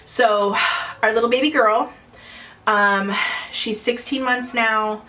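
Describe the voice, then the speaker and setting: A woman's voice: a little high, fairly even intonation, slow pace, pushed and bright, rough recording. A young adult woman vlogging at home in casual chat to camera, chatty and rambling with frequent small laughs.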